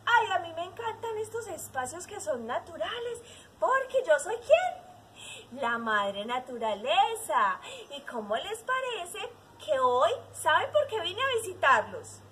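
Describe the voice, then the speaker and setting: A woman teacher in character as Mother Nature, telling a story to young children in an outdoor garden with lively exclamations. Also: extremely high pitch, takes it slowly, a little hiss or hum. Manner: animated, exclamatory, sing-song.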